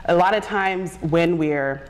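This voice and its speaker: A woman's voice: on the low side, takes it slowly. A woman from Zimbabwe, co-hosting a casual talk show and laughing often. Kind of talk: casual chat. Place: bright living-room studio set.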